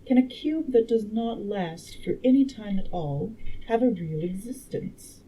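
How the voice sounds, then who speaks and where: A woman narrator puts on a learned, assured female time traveler from a storybook. She explains things patiently and precisely, with firm emphasis. The tone stays soft-edged and warm, over faint background noise. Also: medium pitch, animated, a little slow, voice pushed up, close to an everyday voice, rough recording. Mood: earnest lecturing. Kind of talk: acted reading of a classic novel.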